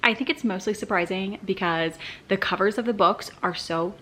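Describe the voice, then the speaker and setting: A woman's voice: medium pitch, moderate pace, sharp tone. A young woman chatting enthusiastically about books she has read, gushing and casual, as a book vlogger. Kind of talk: casual chat.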